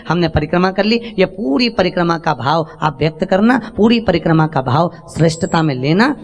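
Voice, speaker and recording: A man giving a devotional sermon, emphatic, calling out questions to his listeners. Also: on the high side. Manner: emphatic, calls out to the audience. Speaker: preacher telling a scripture story.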